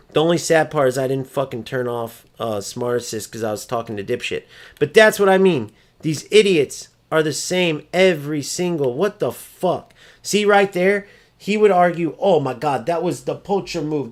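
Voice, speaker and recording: A man ranting over gameplay footage, exasperated, profane and mocking as he vents about an opponent. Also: on the high side. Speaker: gaming streamer.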